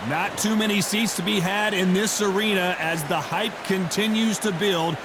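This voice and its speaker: A man playing an upbeat TV boxing commentator, calling play-by-play with an emphatic, excited announcer delivery. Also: high voice, normal speed, natural voice. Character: upbeat male TV boxing commentator, eager and hyped. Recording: loud arena crowd noise behind. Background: arena crowd and ring noise.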